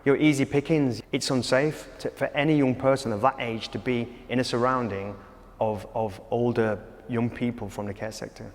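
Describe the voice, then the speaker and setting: Emotional man recounting, halting and earnest. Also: medium pitch, steady tone, big-room sound. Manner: earnest, halting, repeats himself. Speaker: children's home manager. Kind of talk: emotional interview testimony.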